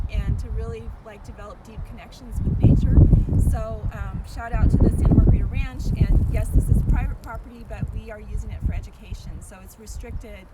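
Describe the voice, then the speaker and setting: A woman giving an informal, enthusiastic guided nature tour outdoors, speaking as a trail guide. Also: medium pitch. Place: outdoors on an oak woodland trail. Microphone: camera a couple of metres away. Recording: distant mic, loud outdoor wind noise.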